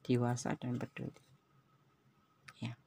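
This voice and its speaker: A woman's voice: rumbling low, monotone, a little slow, creaky, mellow, breathy edge. A woman giving a chatty, exclamatory tarot reading to her viewers. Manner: chatty and exclamatory, with frequent religious interjections. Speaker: tarot reader.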